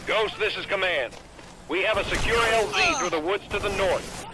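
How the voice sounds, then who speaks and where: High-voiced radio army commander. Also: male voice, normal speed. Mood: brisk, commanding. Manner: clipped, commanding. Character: authoritative military commander giving radio orders. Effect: military radio. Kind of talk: military shooter game voice acting. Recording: radio transmission with battle noise.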